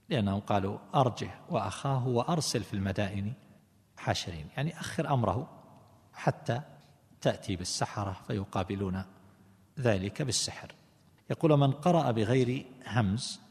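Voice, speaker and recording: A man teaching a lesson on scripture commentary, explaining each reading deliberately and correcting himself as he goes. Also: lowish voice, darkish tone. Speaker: religious teacher. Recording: long hall reverb.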